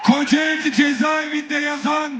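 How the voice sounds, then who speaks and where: A man's voice: extremely high pitch, fairly even intonation, a little slow, noisy background. A man addressing a party congress from a podium microphone, giving a formal political speech. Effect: speaking into a podium microphone.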